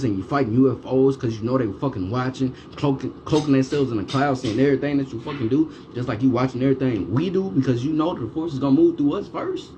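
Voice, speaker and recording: This rough recording has a man of medium pitch, a vlogger, launching into a profanity-heavy rant packed with repeated rhetorical questions. Background noise stays constant throughout.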